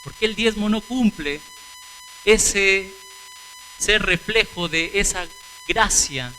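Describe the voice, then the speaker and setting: Man, preacher, sermon, high voice, faint background noise. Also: slow, pushed and bright, low-quality recording. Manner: asks rhetorical questions and answers them; addresses the congregation as brothers and sisters.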